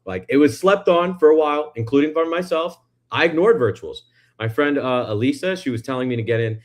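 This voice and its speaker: Male livestream host, loose and excitable talker, casual swearing. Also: on the high side, a little fast. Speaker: stream host. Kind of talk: casual chat.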